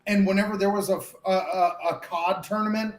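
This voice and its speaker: High-pitched guy arguing football, trips over his words, echoey room with faint hum. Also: fairly even intonation, fairly quick, a crowd in the background. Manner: argumentative, stumbles and restarts. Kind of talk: casual sports debate.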